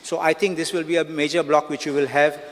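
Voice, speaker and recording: A man, a legislator and advocate, raising measured, insistent legal objections in a debate. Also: fairly high pitch, little pitch movement. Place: legislative assembly hall. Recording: long hall reverb.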